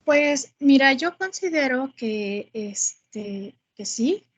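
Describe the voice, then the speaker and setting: A woman's voice: high-pitched, lively intonation, very slow, husky. A woman teacher answering interview questions over a video call, speaking thoughtfully and with hesitation.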